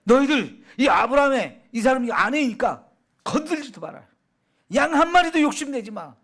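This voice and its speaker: A man voicing a boastful ancient Egyptian king, loud and commanding, in a sermon. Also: very high voice, fairly quick, voice pushed up.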